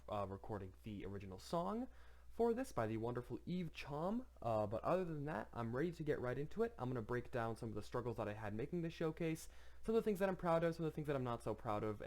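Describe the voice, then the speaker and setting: Enthusiastic young man with a lively voice. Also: mid-range voice, fast. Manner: enthusiastic, laughing often, many fillers. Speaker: creator commenting on his own show. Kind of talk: casual video commentary.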